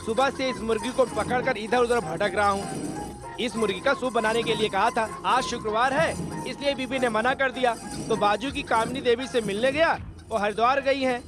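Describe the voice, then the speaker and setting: A sly flirtatious village elder. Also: male voice, very high-pitched, fairly even intonation, moderate pace, over music. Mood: coaxing. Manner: teasing, chatty. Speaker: older village man courting a widow. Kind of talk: Hindi film dub.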